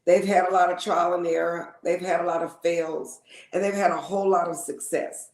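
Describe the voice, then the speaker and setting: A woman's voice: fairly low pitch, flat delivery, normal speed, a little mellow. A woman talks freely as an interview guest. She circles back on her words, doubling them and dropping in ums. Her voice sits in an echoey room. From Lake Charles, Louisiana. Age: 50s. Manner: chatty, repeats words, frequent ums. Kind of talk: casual interview storytelling.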